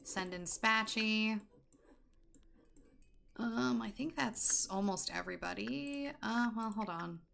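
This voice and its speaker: A woman's voice: medium pitch, slow, gravelly, pauses often, a bit bright. A woman streamer giving casual let's-play commentary, muttering orders to her units and swearing now and then. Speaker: VTuber streamer playing a management sim. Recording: game music behind voice.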